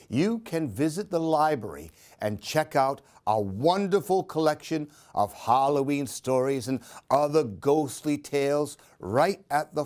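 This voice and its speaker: The man has a medium pitch and a darkish tone. He's a library-program storyteller who reads a children's picture book in an expressive, sing-song manner, stopping to put questions to the young kids listening.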